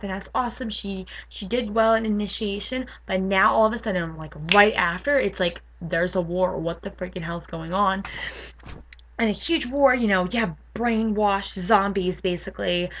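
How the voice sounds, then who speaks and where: A young woman in her teens gushing about a book she loves in a casual vlog, full of filler words, rambling fast and squealing up high when excited. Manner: gushing, rapid, many filler "likes", squeals into high pitch. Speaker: book vlogger.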